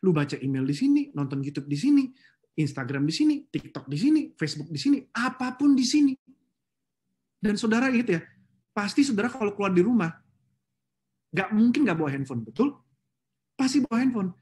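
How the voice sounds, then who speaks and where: Lively preacher man. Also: sits high, fairly quick, pauses often. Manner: lively, mixes English phrases into his preaching; acts out little dialogues and speaks straight to the audience. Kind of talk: youth sermon.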